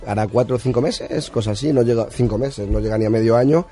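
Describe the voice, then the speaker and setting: Mellow-voiced mentalist guest from Madrid. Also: male voice, mid-range voice, fast, breathy edge, soft background music. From Madrid, Spain. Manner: earnest, storytelling, a little hesitant. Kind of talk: radio interview. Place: radio studio.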